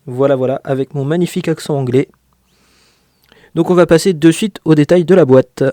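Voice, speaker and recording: Reviewing a LEGO set in a relaxed unboxing, this man hesitates a lot, leans on fillers, and cracks the odd joke. His voice is a bit high and warm, his pace moderate, and the recording is dry and clean, like a studio.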